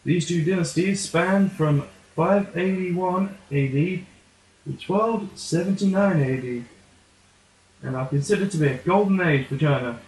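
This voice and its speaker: Guy narrating a scripted history puppet show, bit high voice, echoey room. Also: unhurried, darkish tone, a little hiss or hum.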